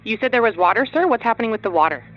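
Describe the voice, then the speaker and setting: An actor playing a calm, insistent emergency dispatcher in a comedy audio drama. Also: female voice, fairly high pitch, rapid-fire, dull audio, lightly acted. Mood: firm. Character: firm, patient female emergency dispatcher.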